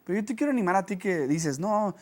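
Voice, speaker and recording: A man preaches a teaching sermon. He talks to his listeners directly and conversationally, and he becomes animated when he tells stories. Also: high voice, quick pace. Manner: conversational, with lively storytelling. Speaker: pastor.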